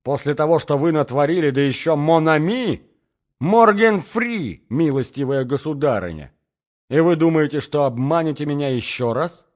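A man voicing a hot-tempered jilted young gentleman in an audiobook, shouting indignant outbursts. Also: medium pitch, expressive, moderate pace, close to an everyday voice. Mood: outraged. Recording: dull lo-fi audiobook recording.

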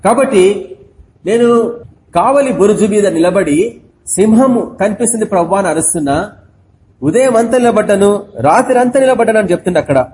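A man preaching a sermon, explaining slowly and talking straight to his listeners, then crying out the words he quotes. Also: high-pitched, expressive, darkish tone. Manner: addresses listeners directly. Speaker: pastor.

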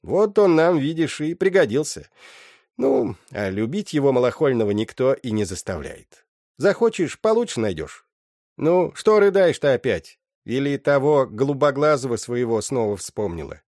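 A man's voice: mid-range voice, very animated, moderate pace, a little mellow, no room sound, studio quality, pitched above the performer's own voice. A man voicing a scheming old mother witch who scolds and mocks, in an audiobook. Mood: scornful. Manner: scolding, mocking. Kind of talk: audiobook character voice.

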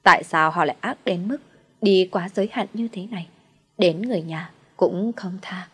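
A woman narrating an audiobook story in a steady, plain storytelling manner. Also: on the low side, normal speed, breathy edge.

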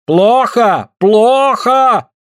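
Fierce northerner, high and slow, broken halting speech. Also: male voice, expressive, a little mellow, no echo, studio quality. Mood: shouting, terse. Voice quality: broken speech, drawn-out words. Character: northern native man, broken Russian, fierce.

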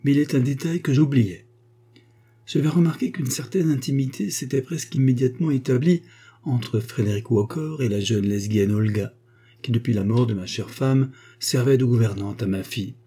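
Male narrator reading a novel: dark, husky, steady. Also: mid-range voice, normal speed. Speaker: audiobook reader. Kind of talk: scripted narration.

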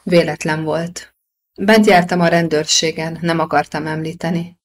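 A woman reading an audiobook voices a male doctor who speaks slowly and apologetically. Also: deep voice, fairly even intonation. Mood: apologetic. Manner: slow, subdued and apologetic.

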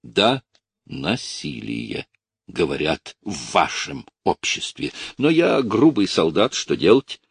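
A man playing a blunt, stern army officer who speaks in clipped, forceful commands, in a storybook reading. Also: sits low, sing-song, slow, gravelly, husky, no echo, exaggerated voice.

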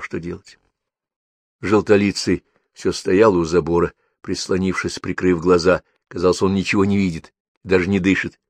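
A man with a low voice reads a first-person story in a measured, expressive way. The recording is close and completely dry, with no room sound. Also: no echo. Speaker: audiobook narrator.

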